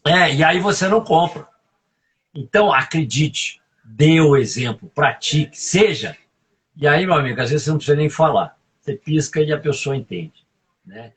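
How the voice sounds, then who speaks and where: A man's voice: on the high side, expressive, normal speed, breathy edge. A man, giving emphatic leadership advice as a guest in a live interview, often asking "right?". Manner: emphatic, coaching, fond of tag questions.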